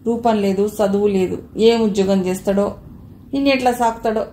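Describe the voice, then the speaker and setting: A woman's voice: mid-range voice, fairly even intonation, moderate pace, dark tone, close to an everyday voice. A woman reading the lines of a middle-aged housewife who comforts and chides a crying girl in Telangana Telugu. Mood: chiding comfort. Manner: soothing, then chiding. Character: kind but stern housewife, middle-aged. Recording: roomy echo, faint noise.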